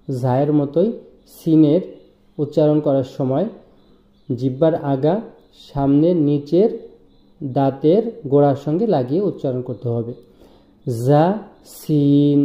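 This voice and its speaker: A man teaching Quranic letter pronunciation in a slow, patient lesson, drawing out each sound as he demonstrates it. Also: fairly high pitch, dark tone. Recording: roomy, dull lo-fi sound.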